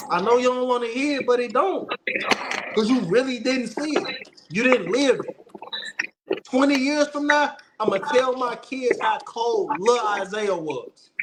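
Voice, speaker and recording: High-voiced man, emphatic sports talk, noisy recording. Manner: emphatic, insistent, repeats phrases for stress. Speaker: host of a basketball debate show. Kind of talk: opinionated casual sports talk.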